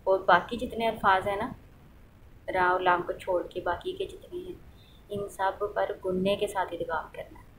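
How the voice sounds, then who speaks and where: A woman's voice: mid-range voice, expressive, moderate pace, noisy background. A woman teaching the rules of Quran recitation, patiently asking questions and then answering them, and reciting examples aloud to show how they sound. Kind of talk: explaining a lesson.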